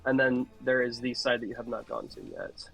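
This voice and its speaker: A man's voice: mid-range voice, huge pitch swings, fairly quick, vocal fry, a bit bright, soft background music, low-quality recording. A man serving as game master, explaining rules and narrating the scene in a laid-back, patient way. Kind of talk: running a tabletop game over voice chat.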